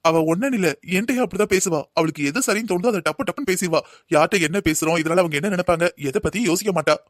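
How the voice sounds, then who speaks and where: A patient young cartoon husband, voiced by a man, soothing and explaining at a quick clip. His voice is slightly high and dry, close to the mic. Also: no echo, close to an everyday voice. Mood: calm. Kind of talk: cartoon voice acting.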